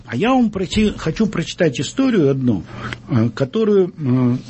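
A man, an author and radio guest, reading his own new story aloud expressively and speaking haltingly in between. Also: fairly high pitch, big pitch swings, mellow, slight background noise.

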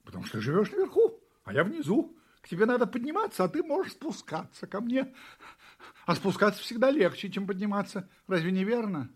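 A man voicing a boisterous young male puppy in a storybook reading, loud and excited. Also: high-pitched, a little fast, husky, voice pushed up, full character voice. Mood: reasoning.

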